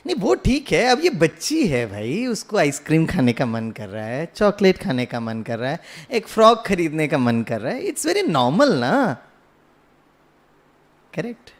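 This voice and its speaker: This spiritual speaker's voice sits on the high side, moving with huge pitch swings at a slightly slow pace. He narrates a story, questions his audience, and mixes English phrases into his speech.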